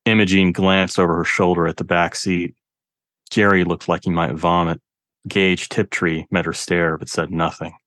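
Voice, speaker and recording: Deep, flat-voiced male narrator. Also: moderate pace, no echo, clean studio sound. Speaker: audiobook narrator. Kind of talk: scripted narration of dark fiction.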